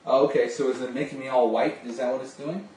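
With a steady-toned, medium-pitched, slightly mellow voice at a quick pace, a middle-aged video phone sales rep casually demonstrates a product and chats on a call, gushing with enthusiasm. He is in a small home office indoors. The camera mic sits a few steps away, so the audio is roomy and distant with hiss.

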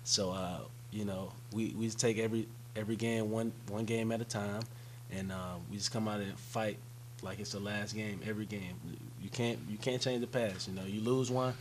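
A man's voice: on the low side, steady tone, normal speed, a little hiss or hum, low-quality recording. A young man, a college basketball player, answering press conference questions hesitantly with many fillers into a desk microphone. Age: young adult. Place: press conference room, seated at table. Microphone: desk microphone on stand.

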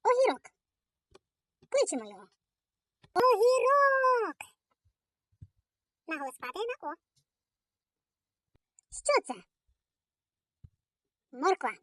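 A woman teaching a children's lesson, calling out words slowly in a sing-song way. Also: sits high, very animated, no room sound, studio quality.

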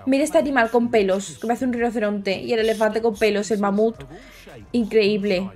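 A young woman with a Spain Spanish accent, hosting a game preview at home late at night, gushing with excitement while keeping her voice down so she won't shout. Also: on the high side, moderate pace. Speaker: gaming video host.

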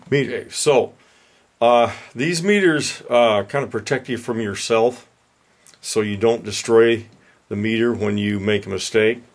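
Slow, plain-spoken older repairman. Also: mid-range voice. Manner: plain-spoken, unhurried, folksy. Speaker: HVAC repair instructor. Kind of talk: hands-on instructional demonstration. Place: workshop bench, off camera.

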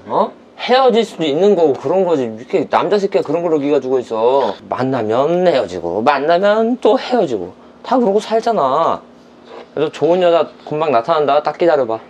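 A man's voice: a little high, a little mellow, lo-fi sound, a little hiss or hum. A man playing a consoling friend in a comedy sketch, with a teasing, playful, sing-song delivery.

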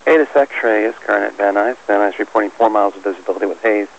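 A man's voice: lowish voice, fast, vocal fry. A man working as an airport tower air traffic controller, giving clipped instructions over air band radio. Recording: muffled radio with faint static.

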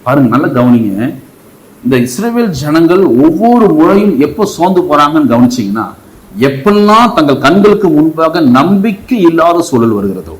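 Man preaching with animated swings. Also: moderate pace, rough recording. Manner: animated preaching, swings from loud high emphasis to low quiet asides; asks the congregation questions and calls for responses. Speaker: pastor. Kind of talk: sermon. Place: church.

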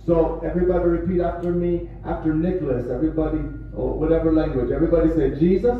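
A man in his forties preaching through an interpreter in a church hall, speaking in short encouraging phrases with pauses for translation. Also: on the high side, steady tone, a little hiss or hum. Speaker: visiting preacher. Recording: echoey hall, distant and dull.

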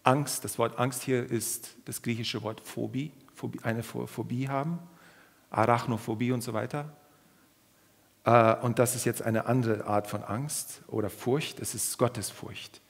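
Husky-voiced man preaching in a reverberant church. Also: a little slow. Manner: lively, dramatic, acts out quoted voices with pitch jumps. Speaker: guest preacher. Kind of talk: sermon. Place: church hall.

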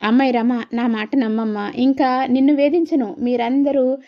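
A woman's voice: sits high, steady tone, moderate pace, dull audio. A woman voicing a tearful middle-aged wife and mother-in-law who pleads and laments. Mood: pleading.

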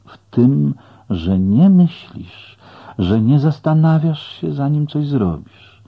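A man doing a gently scolding young woman. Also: fairly high pitch, animated, slow pace, vocal fry, narrow, tinny audio, voice pushed up, exaggerated voice. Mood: chiding.

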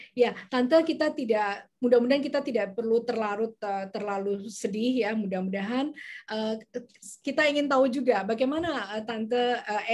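A woman moderating a talk show, speaking politely with frequent hesitations. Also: a little high. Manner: polite, hesitant, many fillers.

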